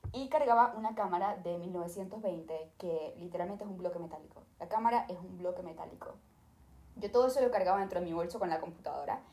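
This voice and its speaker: Animated young Venezuelan woman vlogger. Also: lowish voice, fast, reverberant. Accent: Venezuelan Spanish. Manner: animated, dramatic retelling, acting out the people in her story. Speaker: YouTuber. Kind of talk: storytime vlog. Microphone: desk microphone.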